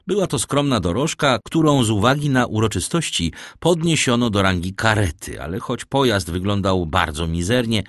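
A man narrating a classic novel as an audiobook in a measured storytelling manner. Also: deep voice, no echo, studio quality.

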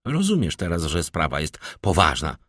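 A man's voice: low-pitched, huge pitch swings, normal speed, fairly bright tone, breathy edge, no room sound, studio quality, heavily acted. A man voicing a proud, indignant young count in an audiobook, speaking stiffly and insistently. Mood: earnest. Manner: stiff, demanding, heated. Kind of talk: audiobook character voice.

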